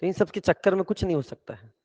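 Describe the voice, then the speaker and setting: Male chemistry teacher, high voice, story-driven lecture, muffled lo-fi recording. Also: fast. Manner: lively, keeps checking that students follow. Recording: echoey hall, dull lo-fi sound.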